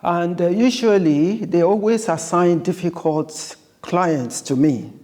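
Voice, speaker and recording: Slow measured man in a reverberant hall. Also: sits high, a little mellow. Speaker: former nurse and midwife, church outreach founder. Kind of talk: interview storytelling.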